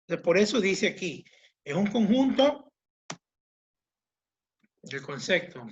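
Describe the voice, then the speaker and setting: A man's voice: sits high, sing-song, takes it slowly, dull audio. A man teaching a language class, explaining patiently and repeating his points with everyday examples. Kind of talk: online class lecture.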